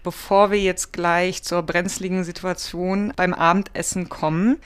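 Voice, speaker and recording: A podcast host, talking in a measured, explanatory way. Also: medium pitch, little pitch movement, clean tone. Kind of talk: podcast interview and scripted segment.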